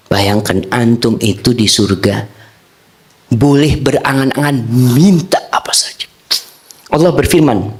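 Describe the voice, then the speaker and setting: Male preacher, storytelling sermon, voice leaps high and drops low for the dialogue. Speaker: Islamic preacher.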